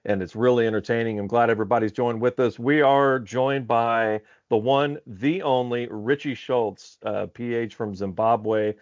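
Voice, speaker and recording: A man's voice: medium pitch, steady tone, moderate pace, few pauses, dry recording. A man from Alaska hosting a hunting podcast, upbeat and rambling with fillers. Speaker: podcast host. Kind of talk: casual podcast interview. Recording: slightly dull lo-fi audio.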